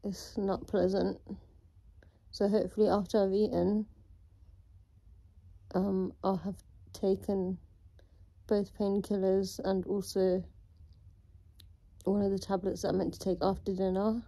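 A young woman chats to her viewers in a casual vlog, her voice shaky and strained from pain. Her tone is soft and mellow, and she keeps talking at an even, everyday pitch. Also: measured pace, vocal fry, long pauses. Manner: chatty, talks to viewers. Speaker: vlogger recovering from surgery.

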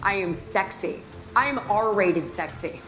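An actress playing a witty, sarcastic teenage girl in a comedy film scene, talking in a dry, quick-witted way. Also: mid-range voice, animated, fairly bright tone, faint music behind. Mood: wry.

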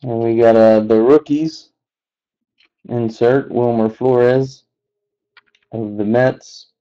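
A man slowly calling out the names on each card as he opens packs, adding relaxed asides. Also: medium pitch, highs cut off. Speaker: card box breaker. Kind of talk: unscripted card-opening commentary.

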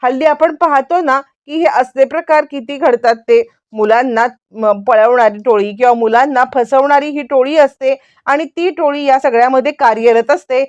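A worried young mother scolds and pleads in an earnest, anxious way, as a woman narrator reads her lines. The voice sits high and the sound is dry and close. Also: normal speed, no room sound, highs cut off, lightly acted.

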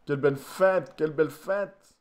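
A tired man talks through a football video game match in a fairly high voice, mostly muttering low and weary. He bursts into loud, repeated shouts when something big happens on the pitch, then drops back to a murmur. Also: normal speed. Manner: excitable, shouts bursts of goal calls between low muttering. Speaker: gaming YouTuber. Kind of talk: live gameplay commentary.

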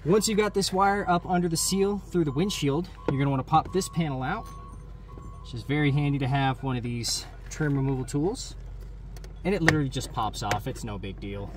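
Speaking briskly over music, a fairly high-voiced man runs a DIY vehicle channel and narrates how to do an install, one step at a time. He keeps it easygoing and simple, with noisy vehicle ambience in the background.

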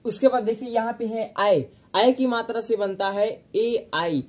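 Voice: medium pitch, a little mellow. A teacher giving a patient online spelling lesson, repeating each point and stretching out sounds to demonstrate them. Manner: recites sound pairs in slow sing-song.

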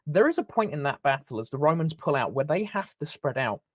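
Excitable man with a higher voice. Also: brisk, no echo. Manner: excitable, stumbles and repeats words. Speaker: podcast co-host. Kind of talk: casual history chat.

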